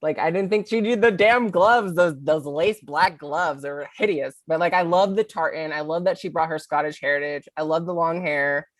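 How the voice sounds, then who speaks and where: Low-voiced lady giving blunt hot takes on a recap show, dry sound. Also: normal speed, few pauses, no echo. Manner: blunt, emphatic, repeats herself. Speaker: panelist. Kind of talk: casual recap chat.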